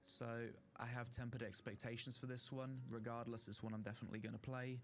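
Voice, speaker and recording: A man's voice: mid-range voice, level tone, quick pace, fairly bright tone. A young man streaming, giving casual opinionated rankings of online games with fillers, his throat strained from talking. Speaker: gaming streamer. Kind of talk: casual tier-list commentary.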